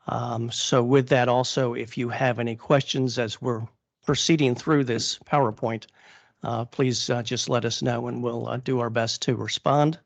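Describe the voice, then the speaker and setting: A man presenting formally at a public meeting as an applicant's attorney, halting with many fillers and restarts, and losing his voice. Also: mid-range voice, no room sound. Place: council chamber.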